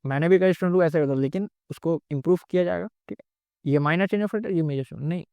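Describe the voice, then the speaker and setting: A man's voice: a little high, quick pace, clear, resonant tone, no room sound, lo-fi sound. Man teaching trading charts. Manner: repetitive, explaining step by step. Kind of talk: screen-recorded lecture.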